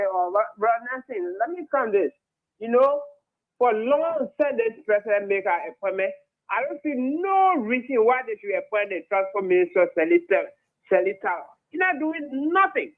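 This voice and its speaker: Liberian male caller, emphatic rambler, high pitch, heard over a clipped phone line. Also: lively intonation, normal speed. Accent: Liberian English. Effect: clipped, poor phone line. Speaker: radio call-in caller. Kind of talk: heated call-in opinion.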